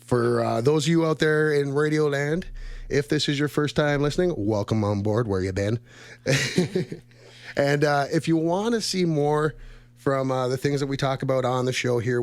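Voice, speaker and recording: A man's voice: medium pitch, dry recording. A young man from Canada hosting a casual campus radio show, a little out of breath, chatty and rambling with fillers and frequent laughs, on a studio mic.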